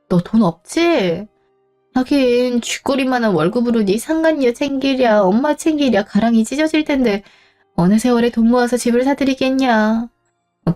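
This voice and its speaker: Sharp, sarcastic young woman storyteller. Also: on the high side. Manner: cutting, sarcastic, firm. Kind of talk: dramatized story narration.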